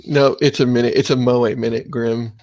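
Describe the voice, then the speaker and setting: A young man hosting a casual podcast, chatting excitedly and swearing often. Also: medium pitch, normal speed, highs cut off. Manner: excitable, swears a lot, animated. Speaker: podcast host.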